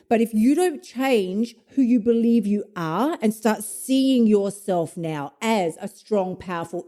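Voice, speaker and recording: A woman in her fifties hosts a solo podcast as a motivation coach, speaking in a medium-pitched, dark voice. She's blunt with her listeners, swears freely, and laughs at herself as she coaches.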